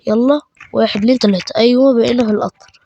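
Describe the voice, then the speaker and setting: A man with an Egyptian Arabic accent giving chatty let's play commentary, excitable and quick to burst into panicked repeated shouts. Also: extremely high pitch, vocal fry, dull audio, a little hiss or hum. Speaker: gaming channel host.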